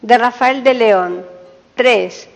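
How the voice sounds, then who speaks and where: A woman with a somewhat high voice presents a poetry programme from a script. Her delivery is very slow, formal and deliberate. The sound is slightly dull, washed in long hall reverb, with faint guitar music behind her. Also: creaky. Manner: formal, deliberate, carefully phrased. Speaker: podcast host and presenter. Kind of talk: scripted radio-style introduction to a poetry programme. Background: soft guitar music.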